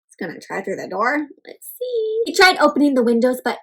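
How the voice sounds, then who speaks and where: Brisk and high-pitched with a breathy edge, a woman gives an interactive read-aloud of a children's story. Full of energy, she asks the kids questions and punctuates the tale with playful noises and exclamations.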